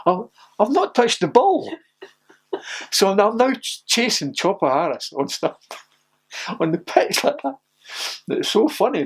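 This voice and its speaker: An older man, a former footballer, telling stories in an interview with lots of laughter and rising excitement. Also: slightly rough. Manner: laughing anecdotal, gets loud and high when excited. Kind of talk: animated storytelling.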